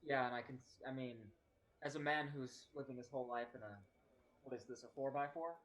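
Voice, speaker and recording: A man's voice: medium pitch, brisk, a bit bright. A man playing his character in a tabletop game, with wry, joking and crude banter. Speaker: player. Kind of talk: in-character tabletop role-play.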